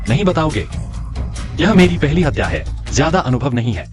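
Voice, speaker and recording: An actor playing a rich husband who pretended to be a fool, cool and mocking in a dubbed drama. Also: male voice, fairly high pitch, very animated, normal speed, music in the background. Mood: cold. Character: rich husband feigning foolishness, cold and cutting.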